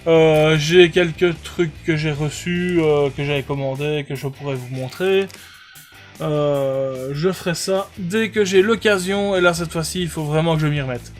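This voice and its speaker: A man's voice: a little high, unhurried, faint music behind. A man casually reviewing airsoft gear, talking hesitantly with many fillers and restarts.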